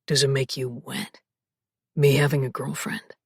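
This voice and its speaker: A confident, teasing man, voiced by a woman narrator, drops low and murmurs each line half-whispered. The delivery is slow and husky, close and dry, in an audiobook read. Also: level tone, dry recording, full character voice. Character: confident, teasing adult male lover. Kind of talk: audiobook character voice.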